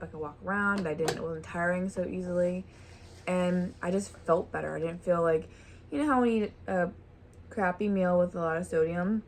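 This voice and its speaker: A woman's voice: on the low side, slight background noise. A woman hosting a vlog, chatting casually while eating a meal at home. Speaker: vlog host. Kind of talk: casual chat over a meal.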